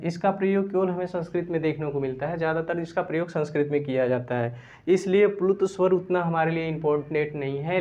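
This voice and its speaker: A man with a somewhat high voice teaches a grammar lesson. He explains each point step by step, repeats key phrases and slows to dictate definitions one word at a time. The sound is muffled and lo-fi. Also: a little mellow. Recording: dull lo-fi recording.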